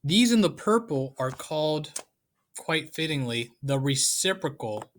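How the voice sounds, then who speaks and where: A man's voice: fairly high pitch, big pitch swings, measured pace. A man teaching a math lesson in a casual, playful way with joking asides. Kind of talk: casual lecture.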